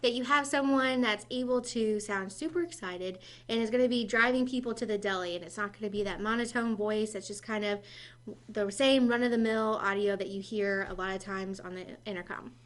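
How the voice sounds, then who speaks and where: A woman's voice: mid-range voice, steady tone, brisk. A woman co-hosting a casual business podcast, explaining in a confident, instructive way. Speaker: podcast co-host, marketing staff.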